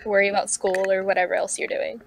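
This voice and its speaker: A woman's voice: mid-range voice, flat delivery, fast talker, gravelly. A woman chatting casually while gaming with a partner, playful and silly in manner. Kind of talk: casual gameplay chat. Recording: faint noise and clicks.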